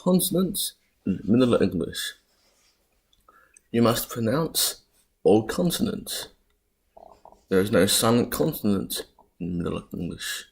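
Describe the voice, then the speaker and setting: A man presenting a history lesson as scripted narration, spelling out sounds deliberately with occasional stumbles. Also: fairly low pitch, vocal fry.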